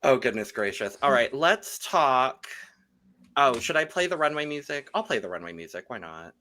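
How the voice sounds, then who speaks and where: A man hosting a casual recap podcast, chatty and quick to laugh. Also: medium pitch, very animated, bright, forceful tone, slight background noise. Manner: laughs often, loose and chatty. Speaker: podcast host. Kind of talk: casual chat.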